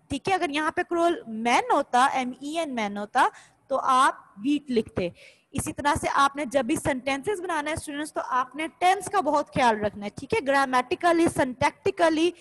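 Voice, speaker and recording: A woman's voice: high voice, poor audio. A woman teaching a class in a patient step-by-step way, often checking "theek hai?" and switching between Hindi and English. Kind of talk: recorded classroom lesson.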